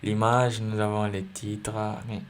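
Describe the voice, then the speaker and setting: Taking it slowly in a low, level tone, a man teaches coding in a screen-recorded lesson with slight background noise. Faint typing and clicks accompany his thinking aloud, which is full of fillers and self-corrections.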